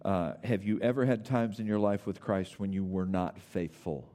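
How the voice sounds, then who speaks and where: A man's voice: on the low side, normal speed, warm tone. A man preaching a sermon, stressing his points by repeating them and asking the listeners direct questions.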